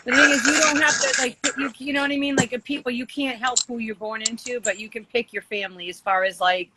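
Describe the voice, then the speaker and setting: A woman's voice: fairly high pitch, steady tone, quick pace, background noise. A woman who is a guest on a podcast video call, playful and teasing as she tells stories. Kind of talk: casual storytelling.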